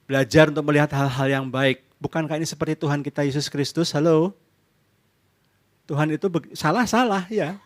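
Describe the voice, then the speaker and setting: Male pastor, Indonesian accent, fairly high voice, lively question-and-answer preaching with acted-out domestic exchanges. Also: fairly quick. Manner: lively, asks the congregation questions and answers them himself; mixes in English phrases and acts out couples' arguments. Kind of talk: sermon. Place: church service.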